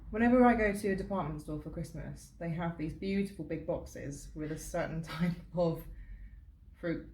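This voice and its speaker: A woman co-hosting a casual chat, enthusiastic and quick to laugh. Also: lowish voice, darkish tone. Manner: chatty and enthusiastic, laughs often. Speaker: co-host. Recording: roomy with faint background noise.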